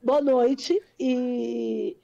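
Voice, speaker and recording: A young woman co-hosts a casual livestream. She sounds sleepy and affectionate, with a high voice and a dry, close sound. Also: fairly even intonation, extremely slow, creaky, mellow, no room sound, lo-fi sound. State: sleepy, coughing. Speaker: livestream co-host.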